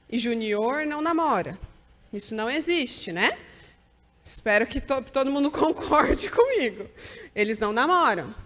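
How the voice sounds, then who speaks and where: A woman's voice: fairly high pitch, fairly bright tone, in a large hall. A woman giving an earnest, direct church talk to mothers. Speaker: church speaker at a mothers' gathering.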